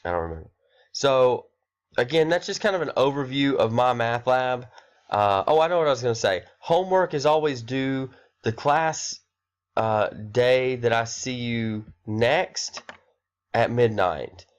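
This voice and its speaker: A man's voice: mid-range voice, lively intonation, unhurried, smooth. A man with a stuffy, nasal voice from a cold, recording a course overview for his students in a rambling way with many fillers and self-corrections. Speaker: math instructor. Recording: dull lo-fi recording.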